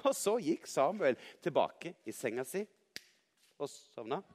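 A man's voice: fairly high pitch, sing-song, a little mellow, long reverb tail. A man telling a Bible story to children in a dramatic, playful way, speaking directly to a young listener.

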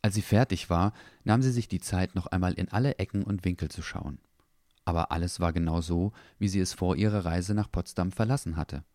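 A man narrating a children's story in a calm, even way. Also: sits low, a little fast, dry recording, clean studio sound.

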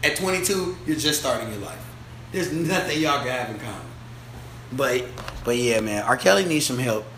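A man in his twenties chatting casually on a podcast, telling stories in a loud, animated, slangy and profane way. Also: mid-range voice, moderate pace. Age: 20s. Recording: echoey room with faint ambient noise.

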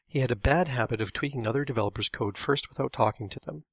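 A man's voice: medium pitch, fast talker, creaky, breathy edge, dry recording. A man reading a memoir in a dry, matter-of-fact scripted narration.

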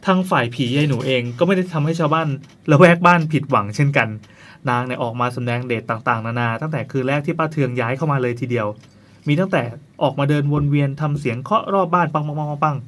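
A man's voice: on the high side, fast. A man narrating a ghost story in a casual, chatty way, tossing playful asides to his co-host.

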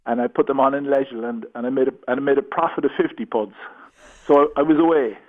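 A man's voice: mid-range voice, steady tone, fast talker. A man in his sixties with a Galway, west of Ireland accent, chatting hesitantly as an interviewee over the phone. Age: 60s. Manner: hesitant, repeats words as talk unfolds. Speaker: concert promoter being interviewed. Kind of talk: casual radio phone interview. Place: on a phone call to a radio show. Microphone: telephone. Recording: thin, narrow-band phone line.

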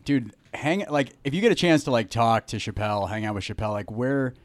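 A man's voice: medium pitch, fairly quick, no echo. A young adult man hosting a casual podcast chat, laughing often and swearing casually. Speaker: podcast host.

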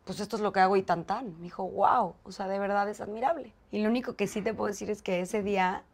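A woman with a Mexican accent, a guest in an interview, telling a story with lively acted-out dialogue. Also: medium pitch, quick pace. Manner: animated, acts out quoted dialogue.

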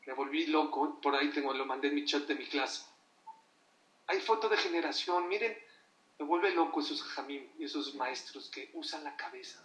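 A man's voice: fairly high pitch, moderate pace, a bit bright. A man giving an emphatic sermon to an audience, often putting rhetorical questions to them. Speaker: religious teacher addressing an audience. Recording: echoey room, voice from far off.

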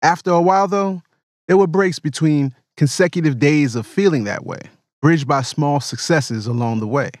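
A man hosting his own podcast, narrating his reflections in a calm, measured way and interviewing family. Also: fairly high pitch, no room sound, clean studio sound. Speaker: podcast host.

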